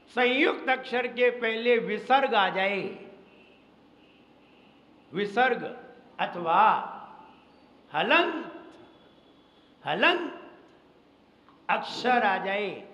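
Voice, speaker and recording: A Jain monk teaching Sanskrit recitation in a classroom lesson. He speaks slowly, repeats each rule several times and quizzes his listeners, with chanted verses in between. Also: sits high, fairly bright tone. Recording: dull, echoey hall recording.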